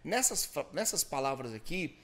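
A Brazilian man hosting an English lesson podcast, explaining in a casual, animated way full of tag questions. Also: on the high side, normal speed. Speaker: English teacher and podcast host.

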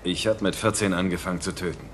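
A man acts a cold, commanding killer in a television crime drama. His voice is low and his orders are curt and menacing, over a very noisy soundtrack. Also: fairly even intonation, fast talker, lightly acted. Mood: cold, controlled.

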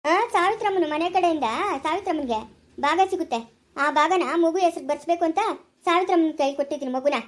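A woman's voice: very high voice, fast talker. A woman playing a stern, threatening policewoman. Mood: firm. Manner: harsh, scolding, domineering. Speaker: police officer. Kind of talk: amateur family drama acting.

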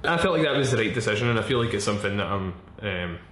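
A man in his twenties speaking candidly in a personal vlog, halting and searching for words, with frequent restarts and blunt swearing. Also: lowish voice, expressive, a bit bright, a little hiss or hum. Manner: frank and swearing. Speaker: vlogger. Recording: echoey room.

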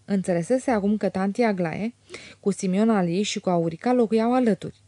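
A woman narrating a classic novel as an audiobook in a measured, even way. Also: mid-range voice, no room sound.

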